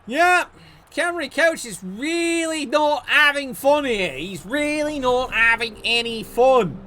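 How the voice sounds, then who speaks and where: A man's voice: very high voice, expressive, slow, pushed and bright. A man commentating a video game league match, sarcastic, joking and swearing freely.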